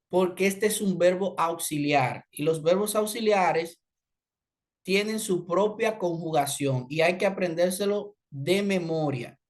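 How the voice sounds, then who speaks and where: Slow-woman teacher, low voice. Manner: explains slowly in Spanish, mixes in English examples. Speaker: English teacher. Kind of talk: online class lesson.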